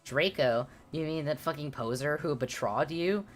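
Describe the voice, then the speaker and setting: A woman reading the lines of a brooding goth teenage vampire boy in a flat, mock-dramatic way. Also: low-pitched, moderate pace, lightly acted. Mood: scornful.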